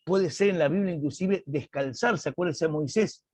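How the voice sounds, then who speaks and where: Man, Bible teacher in an online class, husky voice, dry close sound. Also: on the high side, a little mellow, no echo. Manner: slow, emphatic explaining with dramatic read-aloud quotes. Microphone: video call.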